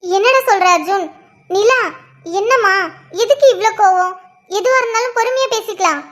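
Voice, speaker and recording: A woman's voice: very high-pitched, moderate pace, fairly bright tone. A woman voicing a middle-aged mother-in-law in a cartoon drama, pleading and soothing. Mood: concerned. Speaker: cartoon character voice.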